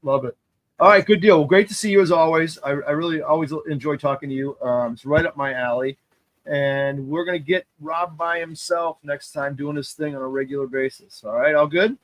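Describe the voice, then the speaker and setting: An enthusiastic man hosts with a somewhat high voice, recorded close and dry with no room sound. He keeps affirming his guest and repeats his praise. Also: brisk, fairly bright tone, dry recording. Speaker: host. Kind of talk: casual interview chat.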